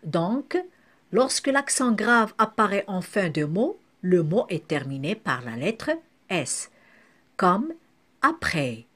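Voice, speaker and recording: A woman teaching French spelling in a slow classroom manner, breaking words into syllables and sometimes correcting herself. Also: medium pitch, very animated, a bit bright. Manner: spells out syllables one by one, with occasional self-corrections.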